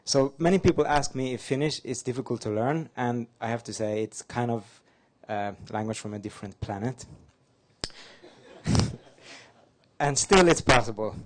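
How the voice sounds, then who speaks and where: A Norwegian man, a native speaker of Norwegian, presents a fast-paced slide talk in a conference hall. His medium-pitched voice moves at normal speed, and he comes across as upbeat and light-hearted.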